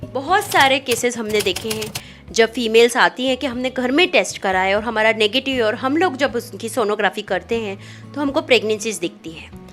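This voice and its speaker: A woman gynecologist explaining pregnancy testing in a calm, clinical manner, with small fillers as she talks. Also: a little high, normal speed, faint music behind. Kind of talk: medical explainer conversation.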